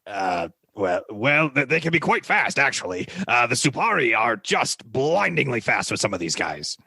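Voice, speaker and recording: A man's voice: mid-range voice, sing-song, moderate pace, vocal fry, pushed and bright, slightly rough, no room sound, clean studio sound. A man playing a confidently wrong sports reporter in a mock commentary.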